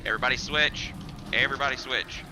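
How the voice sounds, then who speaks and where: A man's voice: mid-range voice, steady tone, quick pace, noisy background. A man making callouts to his team in online game voice chat. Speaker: raid caller. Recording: voice chat under loud game music.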